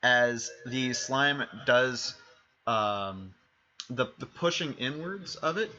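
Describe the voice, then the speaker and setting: A man's voice: medium pitch, bright, forceful tone. A man narrating as game master, rambling and correcting himself as he goes. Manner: rambling, self-correcting, fillers and restarts. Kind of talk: narrating a tabletop game over stream. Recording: dull lo-fi stream mic.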